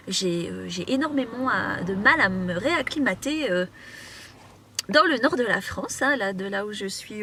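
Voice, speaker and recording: A woman's voice: mid-range voice, bright, forceful tone, slight background noise. A young woman from Mauritius giving casual life advice to camera from inside a parked car, chatty, with many fillers and restarts. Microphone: camera on a tripod.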